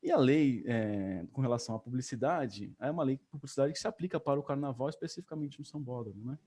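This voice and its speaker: A man's voice: medium pitch, quick pace, mellow, breathy edge. A man, an official giving hesitant remarks full of fillers at a public hearing over a video call. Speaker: tourism agency official.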